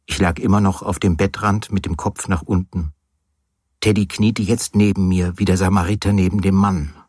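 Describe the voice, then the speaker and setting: A man with a low, slightly husky voice reads a literary novel in the first person. His telling is wry and hesitant, and he gives the dialogue quiet, understated voices. The recording is close and dry, with no room sound. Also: steady tone, moderate pace, no room sound. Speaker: audiobook reader. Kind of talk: literary audiobook narration.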